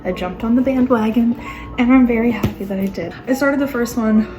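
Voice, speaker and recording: A woman in her twenties, gushing and excitable, chatting casually in a reading vlog at home, often trailing off and restarting. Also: a little high, fairly quick, over music, poor audio. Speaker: book vlogger. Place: at home indoors.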